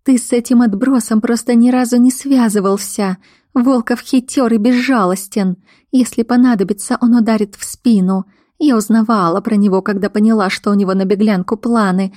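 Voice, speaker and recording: A woman's voice: steady tone, normal speed, darkish tone, dry recording, studio quality, natural voice. Fields: woman voicing a vicious young henchwoman. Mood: urgent. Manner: shrill, furious and sneering. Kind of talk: audiobook character voice.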